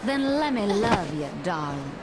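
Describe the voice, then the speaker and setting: Casting: sassy, coy game heroine, lively pitch swings, clear ambient noise behind. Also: female voice, slow. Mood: coy, teasing. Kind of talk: video game voice acting.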